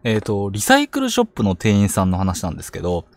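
A man narrating ghost stories on a live stream, dramatic, with hushed lows and sudden outbursts. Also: huge pitch swings, fast talker, no echo. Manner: dramatic telling, hushed low asides rising to sudden outbursts. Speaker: ghost story teller.

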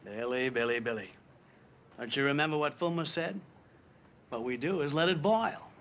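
Actor as a sharp, menacing posse leader. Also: male voice, medium pitch, normal speed, close to an everyday voice. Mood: calculating. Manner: confrontational, calculating. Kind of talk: TV western drama acting. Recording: dull, faintly noisy old soundtrack.

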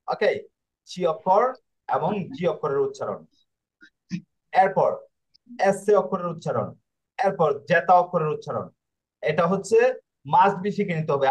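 A man's voice: a little high, dull audio. A man teaching Italian pronunciation in an online class. He explains in a repetitive way and keeps checking with his students.

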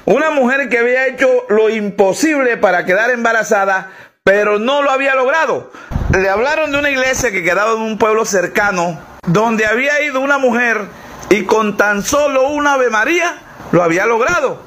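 A man with a fairly high voice tells one joke after another as a comedian. His delivery is animated and he slips in and out of character voices. A faint background hiss sits under the recording. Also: brisk. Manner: animated storyteller who switches into character voices. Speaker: comedian telling jokes. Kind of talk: spoken joke telling.

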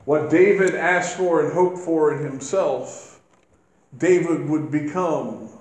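A male minister preaches at an unhurried, measured pace. His voice rings through a very echoey church sanctuary, and it lifts with emphasis when he quotes scripture. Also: a little high. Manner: slow, deliberate preaching with emphatic rises when quoting scripture. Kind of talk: sermon.

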